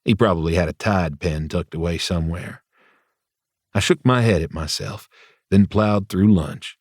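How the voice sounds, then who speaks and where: Wry low-voiced man narrating. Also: moderate pace, a little mellow, no echo, studio quality. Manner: wry, dryly humorous. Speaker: audiobook narrator. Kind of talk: first-person audiobook narration.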